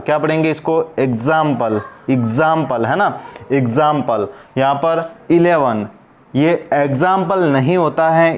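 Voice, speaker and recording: Man, English pronunciation lesson, slightly high voice, drills words by repeating them. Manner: asks students questions and answers them himself; repeats each word slowly and drills it. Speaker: English teacher.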